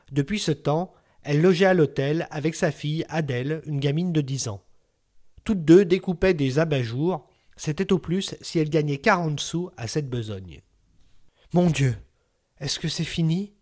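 A man narrating a literary story aloud in a measured, even way. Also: on the high side. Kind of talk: audiobook reading of a literary story.

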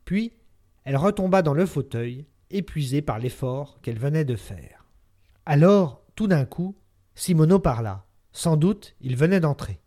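A man reads classic fiction aloud in a measured, expressive narration. His voice sits somewhat high for a man. The delivery is that of a radio reading. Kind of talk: scripted literary narration.

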